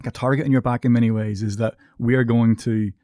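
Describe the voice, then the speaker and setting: A man's voice: mid-range voice, steady tone, quick pace, warm tone, dry recording, clean studio sound. A man in a casual podcast chat, reflective, explaining his views at length.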